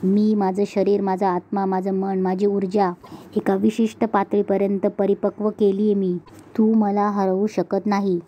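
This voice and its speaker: Brief: boastful sham guru villain, menacing, read flatly by a woman recapper. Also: medium pitch, unhurried, lightly acted. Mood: threatening. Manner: boastful, threatening. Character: scheming self-styled holy man, arrogant male villain.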